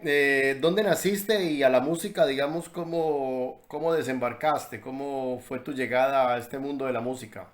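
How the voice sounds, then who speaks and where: A Colombian man hosting an interview, asking curious questions and pausing often on fillers as he searches for words. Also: medium pitch. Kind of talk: conversational interview.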